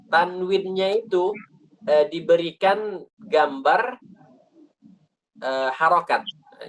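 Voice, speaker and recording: A man's voice: fairly high pitch, low-quality recording. Man teaching a tajwid lesson. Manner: patient, repeats key points, many fillers. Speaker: Quran recitation teacher.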